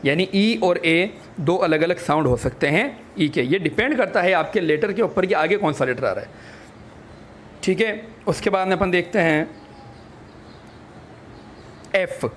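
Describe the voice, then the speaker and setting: A man with a high-pitched, animated, slightly bright voice teaches English letter sounds in a classroom phonics lesson, speaking a little slowly and pausing often. Like a patient teacher, he spells words letter by letter, answers his own questions, and addresses listeners as children, with a little hiss or hum present.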